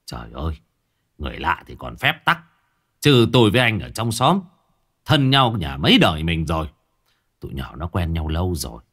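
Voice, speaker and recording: A man's voice: low voice, big pitch swings, moderate pace, fairly bright tone, heavily acted. A man doing a hearty, chatty old villager. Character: jovial older village father, talkative and boisterous.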